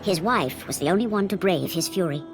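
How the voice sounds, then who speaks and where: A grave storyteller of ancient myth for a video game. Her scripted narration is dramatic and widely swooping in pitch, set over music. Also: animated, a little fast.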